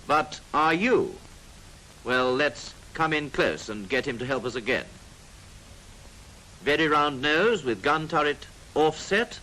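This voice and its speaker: A British man with a fairly high, sharp-toned voice narrates a 1940s military training film, clipped and instructive, slipping in drily jocular asides. The soundtrack is noisy, typical of 1940s film.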